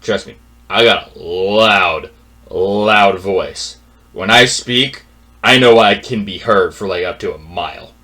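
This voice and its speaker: The speaker is a young man with a lowish voice, talking slowly as he vents about his own story. The rant is casual, exasperated and repetitive, dipping into a mutter and then rising to loudness.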